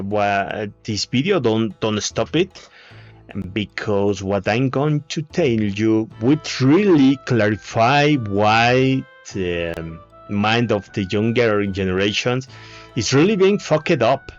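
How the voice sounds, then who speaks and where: A man speaking English as a second language with a Spanish accent, giving a halting solo talk full of fillers and restarts. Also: fairly low pitch. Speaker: video essayist. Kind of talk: casual monologue. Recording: dull lo-fi mic with faint music.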